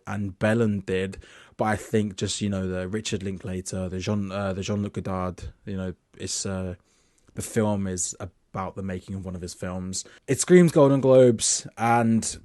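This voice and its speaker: A young man with a fairly low, slightly mellow voice runs through his film award predictions, reading the list off his notes. His talk is chatty and loose, full of restarts. The recording is dry and studio quality.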